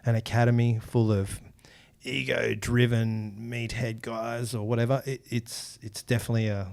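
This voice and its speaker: A man hosting a podcast, relaxed and chatty as he asks questions and adds his own views. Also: mid-range voice, normal speed, creaky. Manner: relaxed, chatty, laughs easily. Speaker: podcast host. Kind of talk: casual podcast interview.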